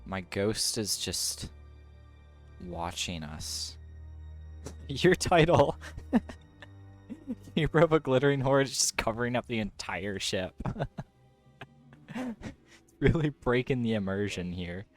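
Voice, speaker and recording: A playful man in casual gameplay banter, exclaiming as he goes. His pitch moves around a lot, and soft music plays behind him. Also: lively intonation, slow, long pauses. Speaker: gamer playing co-op.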